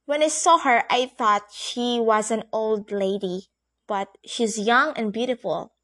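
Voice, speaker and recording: Slow earnest woman telling a fairy tale. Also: fairly high pitch, a bit bright. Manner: earnest, wide-eyed, with frequent grammar slips. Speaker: storyteller. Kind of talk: first-person fantasy story reading.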